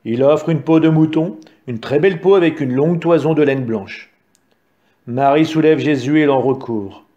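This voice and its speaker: A man narrating a story with a calm, measured reading. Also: on the high side, lo-fi sound.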